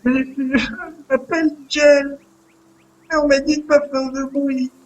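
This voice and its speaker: A man's voice: very high voice, flat delivery, takes it slowly, a little hiss or hum, voice pushed up, low-quality recording. Man doing a frightened caged boy. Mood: scared pleading. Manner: pleading, timid. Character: frightened young boy prisoner in a cage.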